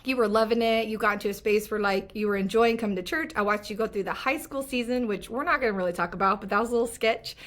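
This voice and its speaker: A woman's voice: mid-range voice, fast talker, hardly any pauses, a bit bright. A woman hosting a faith podcast, chatty, upbeat and teasing with her guest. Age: adult, former children's ministry leader. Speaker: podcast host. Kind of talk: casual podcast chat.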